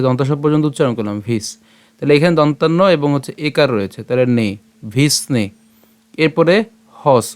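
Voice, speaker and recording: A man teaching how to pronounce a verse, breaking each word into syllables and slowly chanting whole lines, and often checking that listeners follow. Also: fairly high pitch. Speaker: Sanskrit recitation teacher. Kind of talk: step-by-step pronunciation lesson.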